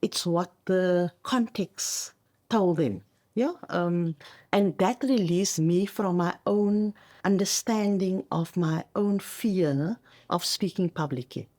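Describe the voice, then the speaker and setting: Speaking slowly in a low-leaning, slightly mellow voice, a middle-aged South African coach whose first language is Afrikaans chats as a podcast interviewee. She lands emphatic points and checks in as she goes.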